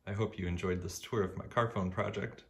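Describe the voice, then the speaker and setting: Filmed at home above a wooden table, a hobbyist maker plainly describes his electronics project in a relaxed demo narration. His deep voice is brisk, creaky, and steady in tone.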